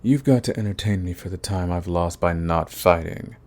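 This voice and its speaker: Deep, darkish, and natural, his voice keeps a moderate pace. The roleplay actor voices a flirtatious, self-satisfied villain in an intimate ASMR romance, fond of his foe and speaking with a drawling, taunting menace that feels both teasing and commanding.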